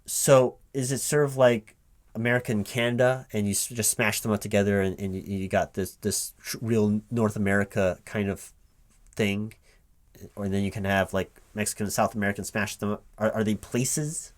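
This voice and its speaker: This lowish, steady-toned male voice belongs to a man roleplaying a recruiting manager in a one-way interview. He stumbles along, puzzled, restating remarks in question form.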